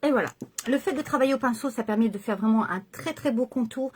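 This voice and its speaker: A woman's voice: on the high side, fast, darkish tone, slightly rough. A middle-aged woman chatting casually through a makeup tutorial at home, hesitating and correcting herself as she goes. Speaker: makeup vlogger.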